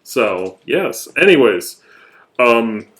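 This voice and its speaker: A podcast co-host banters casually with a friend, joking and sometimes turning mock-dramatic. He speaks in a mid-range, fairly bright voice with big pitch swings and drawn-out words.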